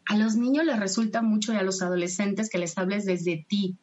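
A woman, a podcast guest explaining sex education in an animated way and laughing often. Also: mid-range voice, a little fast. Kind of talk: podcast conversation. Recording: dull lo-fi sound.

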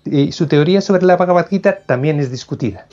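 Thoughtful man explaining, slightly high voice. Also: a little fast, mellow, muffled recording. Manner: thoughtful, with many restarts and self-corrections. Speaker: guest, philosophy scholar and Sanskrit translator. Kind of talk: explanatory interview talk.

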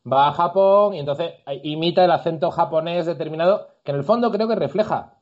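A man from Andalusia, hosting a casual discussion and arguing his points with lively examples. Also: a little high, a little fast, dull audio. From Andalusia, Spain. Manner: lively, opinionated, argues with examples.

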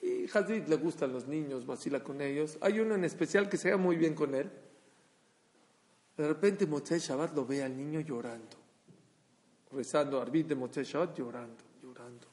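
A man gives a storytelling sermon, voicing each character in the tales. His voice sits a bit high. A long reverb from the hall trails behind each phrase. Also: normal speed. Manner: animated storyteller, acts out dialogue. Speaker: rabbi.

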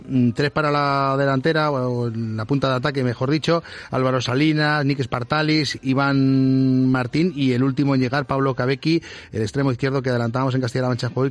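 A man's voice: medium pitch, fairly even intonation, a little fast. A man with an accent from Spain giving a live sports news report on the radio. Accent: Spanish from Spain.

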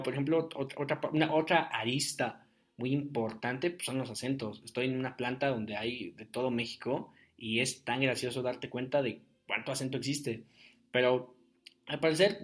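A young man talks alone into his podcast mic. He rambles in a loose, chatty way and fills his talk with fillers. His voice sits at an ordinary middle pitch. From Jalisco, Mexico. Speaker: podcast host. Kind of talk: casual solo podcast monologue.

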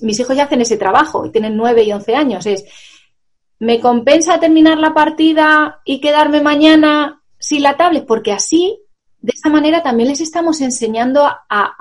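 A woman's voice: on the high side, a little mellow. A woman, a mother giving earnest explanations about parenting in an interview, using examples and tag questions. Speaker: parenting expert guest; mother of two children.

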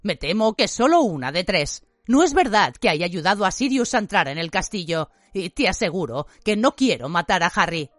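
Lupin: a woman voicing a weary, gentle male teacher. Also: lowish voice, very animated, dry recording. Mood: calm. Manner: slow, measured and hushed. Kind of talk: audiobook character reading.

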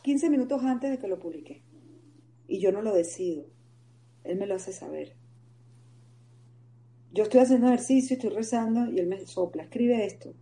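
A woman, telling her faith story in an animated interview and acting out the voices in it. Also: medium pitch, normal speed, long pauses. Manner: animated, storytelling, acts out quoted dialogue. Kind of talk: conversational interview.

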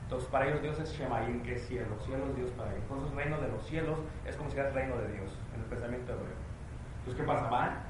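A man preaching a sermon with a Mexico City accent, swinging between loud emphatic declarations and low confiding asides. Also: fast talker. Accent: Mexico City Spanish. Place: church hall. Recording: very echoey church hall with faint noise.

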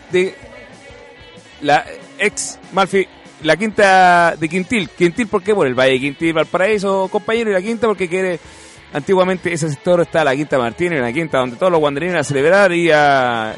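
A man with a Chilean accent hosting a casual street radio show, joking around and calling football plays in excited bursts. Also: sits high. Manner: jokey, excitable, calls goals in bursts. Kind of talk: casual street radio chat with play-by-play commentary.

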